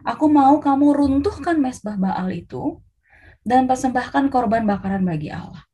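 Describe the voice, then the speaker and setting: A woman voicing a calm divine male figure who speaks slowly and reassuringly. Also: high-pitched, breathy edge. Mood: commanding. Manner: slow, reassuring.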